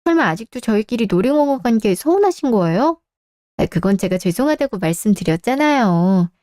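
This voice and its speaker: A politely cold young daughter-in-law, played by a woman in a radio drama, speaking with formal words but no warmth. Her voice is somewhat high and recorded dry and close. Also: sing-song, fairly quick, no room sound. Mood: curt. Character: curt young-adult daughter-in-law, a teacher. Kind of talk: Korean radio drama acting.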